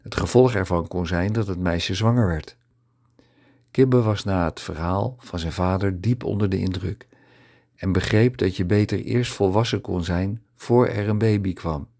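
Male audiobook narrator, deep and low, steady measured scripted reading.

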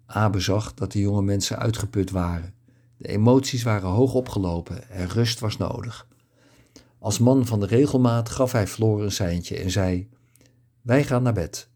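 A man reading a novel aloud as a calm, even narrator. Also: on the low side. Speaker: audiobook narrator. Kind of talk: scripted narration.

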